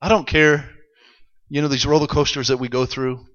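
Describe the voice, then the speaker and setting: A male preacher telling a Bible story to a congregation, building from calm narration to excited shouts. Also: medium pitch, moderate pace, dull audio. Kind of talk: sermon. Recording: long hall reverb.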